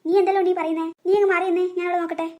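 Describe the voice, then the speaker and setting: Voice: very high voice, little pitch movement, very fast, dark tone, highs cut off. A voice actor playing a bossy older sister who gives orders to the younger kids. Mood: alarmed. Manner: commanding, scolding. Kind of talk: cartoon voice acting.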